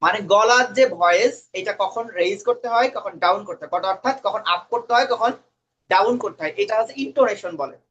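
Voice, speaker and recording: A man's voice: high-pitched, a little fast, a bit bright. A man teaching an English lesson, quizzing his students and mixing English words into his talk. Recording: dull lo-fi recording.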